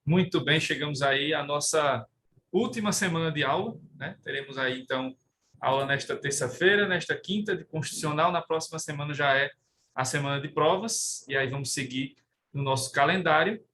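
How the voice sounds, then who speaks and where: A man's voice: on the high side, moderate pace, a little hiss or hum. A man with a Brazilian Portuguese accent giving a recorded law lecture to his class, explaining steadily and often tagging sentences with a questioning "né?". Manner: steady explaining tone with frequent "né?" tags. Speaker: law professor.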